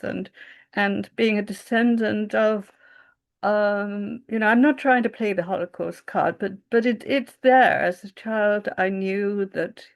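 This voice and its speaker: A woman's voice: mid-range voice, vocal fry. A woman from England, a guest in an interview, speaking reflectively and searching for her words. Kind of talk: conversational interview.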